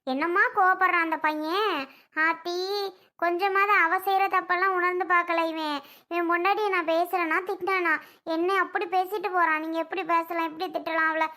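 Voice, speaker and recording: A woman's voice: very high-pitched, fairly even intonation, fairly quick, bright, forceful tone. A woman playing a stubborn middle-aged mother who scolds her grown daughter and argues with the family in a drama skit. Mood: scolding. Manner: scolding, argumentative.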